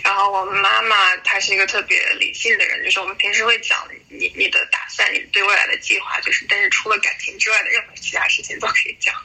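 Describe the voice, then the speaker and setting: A woman in her thirties from China slowly telling a personal story over a voice call, pausing and restarting as she recalls it. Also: mid-range voice, flat delivery, pushed and bright, slightly rough, poor audio. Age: 30s. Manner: slow, reflective, hesitant retelling. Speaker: guest sharing a story. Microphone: voice call recording.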